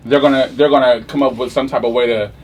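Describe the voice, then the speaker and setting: A man co-hosting a casual podcast in an easygoing, halting way. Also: medium pitch, steady tone, distant mic, slight background noise. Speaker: club promoter and co-host.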